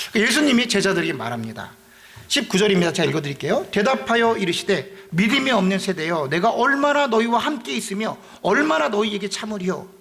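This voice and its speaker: A man's voice: high voice, creaky, fairly bright tone. A man preaching a sermon as pastor, explaining scripture in a conversational way with rhetorical questions.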